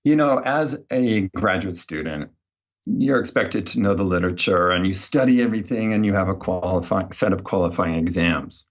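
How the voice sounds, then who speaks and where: A man appears as an interview guest, a behavior design researcher, recounting his story in a relaxed, anecdotal manner. He has a low voice and speaks at normal speed, and the high frequencies are cut off.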